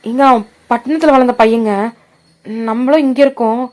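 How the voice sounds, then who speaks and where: A woman's voice: on the high side, moderate pace, darkish tone, lightly acted. A woman voicing an anxious, caring village mother worrying about her daughter. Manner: anxious, tender.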